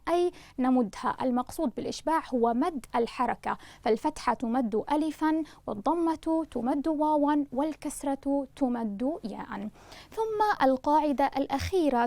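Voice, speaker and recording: A woman teacher giving a recorded grammar lesson, speaking slowly and deliberately and spelling out sounds for her students. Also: sits high, dry recording. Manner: slow, deliberate, spelling out syllables; addresses students warmly as loved ones. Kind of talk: online Arabic lesson.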